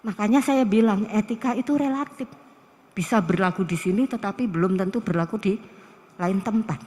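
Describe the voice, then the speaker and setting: A middle-aged woman with a Javanese accent, giving a university classroom lecture in a lively way and putting rhetorical questions to the audience. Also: mid-range voice, a little fast. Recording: long hall reverb.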